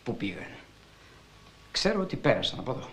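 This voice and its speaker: A bully cop barking threats, voice swings all over, echoey and far off. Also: male voice, medium pitch, sing-song, a bit bright, a little hiss or hum. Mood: threatening. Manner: rapid, bullying threats, barked orders. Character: harsh male cop threatening a woman. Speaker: police officer.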